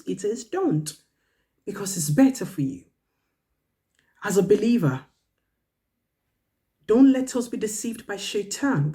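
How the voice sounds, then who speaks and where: Speaking at a medium pitch in a mellow voice, a woman tells stories to children and earnestly, emphatically teaches them moral and religious lessons.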